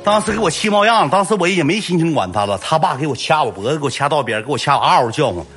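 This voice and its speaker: A man with a Northeastern Chinese accent telling a comic story in an animated way, full of coarse slang and sound effects. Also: fairly high pitch, fast talker, soft background music.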